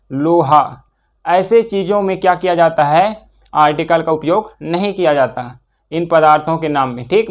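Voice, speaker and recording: A middle-aged man teaching a spoken English lesson with a Hindi accent, emphatic and asking and answering his own questions. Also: fairly high pitch.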